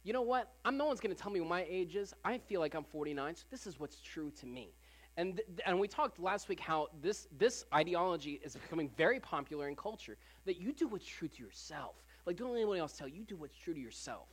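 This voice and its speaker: A preacher giving a conversational Sunday sermon to a congregation, often repeating phrases and filling pauses with "like". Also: mid-range voice, big pitch swings. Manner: casual, repeats phrases, frequent "like" fillers.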